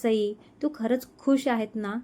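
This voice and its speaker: A woman voicing a tender, reassuring young man who speaks gently and unhurriedly to his fiancée. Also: fairly high pitch, steady tone, a little slow, lightly acted.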